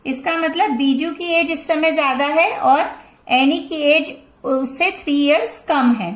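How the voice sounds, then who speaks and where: A woman's voice: high voice, measured pace, echoey room. A woman in her forties with an Indian accent, teaching a math lesson and patiently explaining a problem step by step, switching between Hindi and English. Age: 40s.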